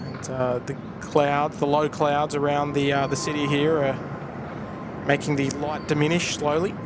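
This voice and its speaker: A man with a voice on the high side and little pitch movement talks at a moderate pace during his live stream. He's an Australian plane spotter at an airport viewpoint, chatting casually and thanking viewers while traffic and aircraft sound around him.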